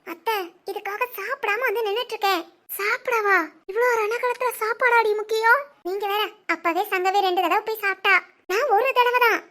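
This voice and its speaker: A woman plays a nosy, cheeky young cartoon girl with a southern Tamil Nadu accent. She chatters on in a very high voice, more curious about the drama and the food than anything else. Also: fairly even intonation, a little fast, pushed and bright. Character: nosy teenage girl, chatty, hungry gossip.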